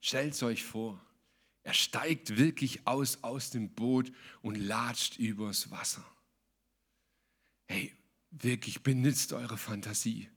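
A man's voice: mid-range voice, slow pace, pauses often, a bit bright, breathy edge. A man preaching a sermon as a pastor, emphatic and colloquial, mixing in English words.

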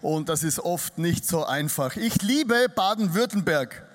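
A man's voice: fairly high pitch, lively intonation, a little slow. A middle-aged man from Styria with an Austrian German accent, preaching a sermon to a congregation in a chatty, joking way. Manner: chatty, joking, self-deprecating. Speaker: pastor. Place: church hall before a congregation.

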